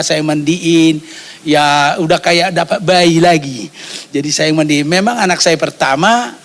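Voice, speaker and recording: Gravelly high-voiced pastor telling stories. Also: male voice. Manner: animated storyteller acting out dialogue. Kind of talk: storytelling sermon.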